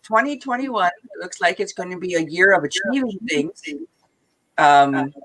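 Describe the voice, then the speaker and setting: Bright, lively woman on a call. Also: fairly low pitch, rough recording. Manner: lively, quick to laugh. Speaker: co-host on a writing stream. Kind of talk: casual livestream chat.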